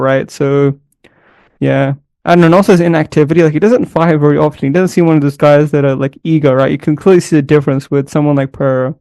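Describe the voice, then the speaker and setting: A man's voice: a little high, gravelly, a little mellow, no room sound, studio quality. A man commentating casually on mixed martial arts, rambling and loose, with lots of slang fillers. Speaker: MMA commentator.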